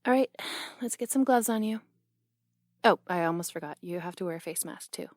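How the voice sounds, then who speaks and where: A young woman voicing a brash, teasing tomboy boxing coach in an audio role-play, blunt and quick to laugh. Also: lowish voice, dry recording, clean studio sound.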